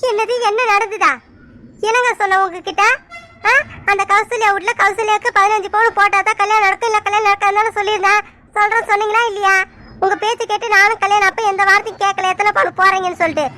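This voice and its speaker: Brief: bossy cartoon village mother-in-law, voiced by a woman, shrill and very high, bright and sharp, nags and shouts. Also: level tone, quick pace, slight background noise. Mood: shouting. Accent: Tamil Nadu village speech. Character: loud scolding middle-aged village mother-in-law. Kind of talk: cartoon dub acting.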